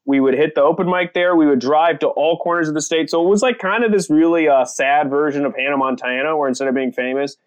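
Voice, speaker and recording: A young man, a comedian, telling stories on a podcast in a casual, animated way, laughing and swearing freely. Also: fairly high pitch, quick pace, few pauses, smooth. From United States. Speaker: comedian guest.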